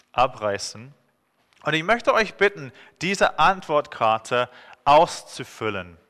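Preaching as a guest, a thirty-something man from England uses a clear, forceful mid-range voice and an English accent. He keeps the sermon friendly and jokey but pauses often in hesitation. The sound echoes with a long reverb, suggesting a large hall.

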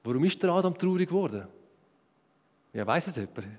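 A man with a Swiss German accent telling a Bible story to children, lively and asking them questions. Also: fairly high pitch, a little fast, in a large hall.

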